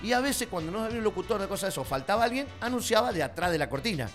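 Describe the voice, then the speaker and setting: A middle-aged man with an Argentine accent, a circus performer telling his story as a radio guest, lively and acting out the lines he quotes. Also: high voice, rapid-fire, faint music behind. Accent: Argentine Spanish. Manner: animated storyteller, acts out quotes.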